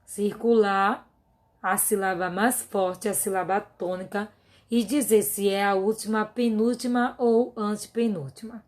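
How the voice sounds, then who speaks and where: A woman teacher with a Brazilian Portuguese accent, reading workbook exercises aloud for a remote class. She dictates words one at a time at an unhurried, deliberate pace. She explains each task patiently. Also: medium pitch, fairly even intonation.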